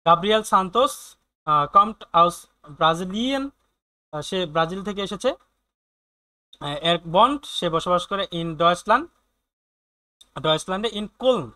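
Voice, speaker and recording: A man's voice: high voice, expressive, unhurried, pauses often, pushed and bright, no room sound. A man teaching a German coursebook lesson, translating phrases with frequent hesitant fillers and repetitions. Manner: hesitant, many "ah" fillers, repeats words while translating. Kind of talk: explaining a German coursebook in Bengali.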